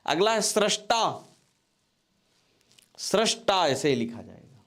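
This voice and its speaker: A man teaching a spelling lesson in a slow, drawn-out way, repeating each word over and over as if dictating. His voice sits a little high and swings widely in pitch. He drills correct forms patiently, one after another. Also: very animated, fairly bright tone. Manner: slow, repeats each word several times while writing. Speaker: Hindi grammar teacher. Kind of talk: exam-prep board lesson.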